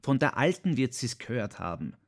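A man voicing an excitable, boastful older songwriter in an audiobook, chatty and quick to defend himself. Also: medium pitch, breathy edge. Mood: indignant. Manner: chatty, self-defending, emphatic. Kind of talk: audiobook character voice.

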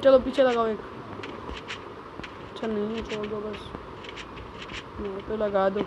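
A woman streamer giving excited gameplay commentary, teasing teammates and shouting quick calls. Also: medium pitch, muffled recording. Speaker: gaming streamer. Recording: noisy game stream audio.

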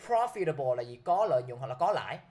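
A man's voice: mid-range voice, big pitch swings, fast talker, a little mellow. A man teaching English vocabulary to a class, who keeps checking with his students by repeating a short prompt.

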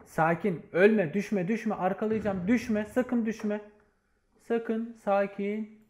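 A man leading his team, shouting quick commanding callouts during a match. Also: high voice, steady tone. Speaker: team leader and streamer. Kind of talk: live game commentary and callouts.

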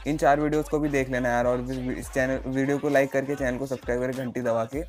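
Young male vlog host, easygoing and talkative, ordinary mid-range voice over soft background music. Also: mid-range voice, little pitch movement, fast talker. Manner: chatty, addresses viewers as guys, frequent filler sounds. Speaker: tech channel host. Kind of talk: casual vlog talk.

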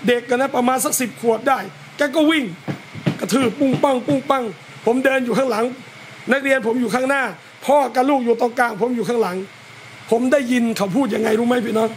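A man, a religious teacher, gives a lively lecture at a home gathering, talking straight to his listeners. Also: very high-pitched, a little hiss or hum. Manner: lively, talks straight to listeners and acts out scolding parents.

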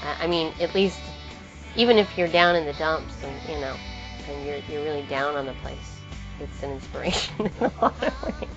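A woman's voice: low voice, lively intonation, moderate pace. A woman singer-songwriter talking casually in an interview, rambling with frequent restarts and trailing thoughts. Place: in New York. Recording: muffled lo-fi film sound. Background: guitar music underneath.

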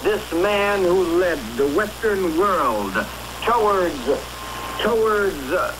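A male foreign correspondent giving a grave, halting live radio news report from outdoors on a city boulevard, with the sound of an old 1960s newsreel broadcast. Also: sits high, lively intonation, background noise. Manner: grave, halting, slow delivery. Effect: old newsreel-style 1960s broadcast sound.

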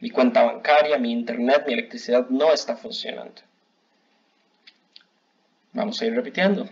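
A man teaching a bilingual customer service English lesson, modeling phrases slowly for learners to repeat. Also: medium pitch, fairly even intonation. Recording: dull lo-fi recording.

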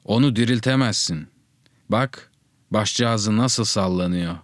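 Man reading as a slow, calm hunting father. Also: on the low side, dry recording, studio quality, lightly acted. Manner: slow, measured, unruffled.

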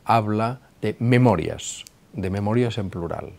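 Man, middle-aged, deep voice, measured formal talk, office, lapel mic. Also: vocal fry, a little mellow. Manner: measured, deliberate, with frequent hesitations. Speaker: director of a memorial institution, giving a talk. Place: office with a flag behind him.

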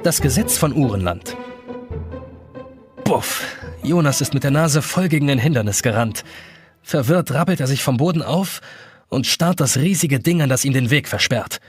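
A man's voice: medium pitch, expressive, normal speed, music in the background. A man reading an audiobook as narrator, telling the story expressively. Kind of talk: scripted narration.

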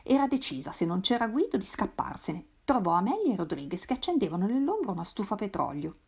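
A woman reading a novel aloud in a measured, expressive way. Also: mid-range voice, husky. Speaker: reader. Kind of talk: literary read-aloud.

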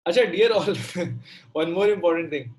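Man, South Indian accent, slightly high voice, online teacher, step-by-step explaining, repeated phrases, frequent check-in questions. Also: moderate pace, darkish tone. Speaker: maths teacher. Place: indoor room, online class on a computer.

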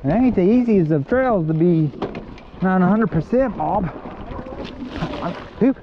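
High-voiced man vlogging on a bike trail. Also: animated, normal speed, dull audio, noisy background. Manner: laughing, joking, thinking out loud. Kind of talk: casual chat while riding. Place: wooded mountain bike trail outdoors.

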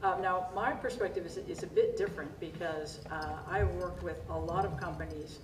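A woman with a lower voice speaks conversationally as a business executive on a panel. She talks into a table mic in a large function room. The sound is roomy and distant, with clear room noise behind her. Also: moderate pace. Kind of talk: panel talk at a trade event. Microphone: table mic on a stand, camera at a distance.

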